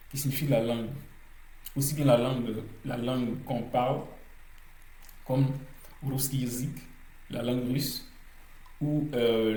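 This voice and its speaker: A man's voice: mid-range voice, warm tone, echoey room, low-quality recording. A man teaching a language lesson in French, explaining pronunciation rules step by step with frequent hesitations, repeating words to drill them.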